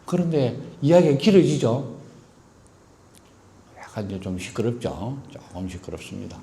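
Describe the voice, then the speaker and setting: A man's voice: mid-range voice, sing-song, moderate pace, creaky, dark tone. A middle-aged man with a Gyeongsang Korean accent, a teacher giving a storytelling lecture who asks the audience questions and acts out the people in his stories. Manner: acts out quoted voices and poses rhetorical questions.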